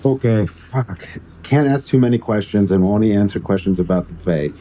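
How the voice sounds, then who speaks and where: Guy playing a tabletop game, low mellow voice, hesitant, swears casually. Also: steady tone, a little fast, a little hiss or hum.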